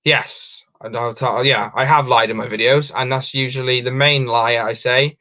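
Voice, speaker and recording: A man's voice: mid-range voice, steady tone, normal speed, pushed and bright. A young Welsh man hosting a casual livestream, reading out viewer questions and answering in a rambling way with many ums and restarts. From Wales. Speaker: livestream host. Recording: dull lo-fi stream audio.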